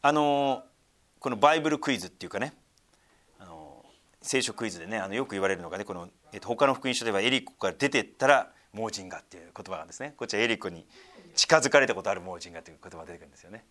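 A man's voice: lowish voice, animated, racing, fairly bright tone. A man preaching a sermon in a conversational way, explaining scripture with casual asides and fillers. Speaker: pastor.

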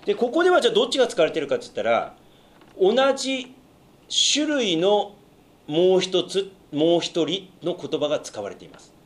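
Pastor guy teaching bible study, kinda high voice that swings all over, lots of ums, asks the room stuff. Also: huge pitch swings, rapid-fire, hardly any pauses. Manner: explanatory, asks the listeners questions, hesitant fillers.

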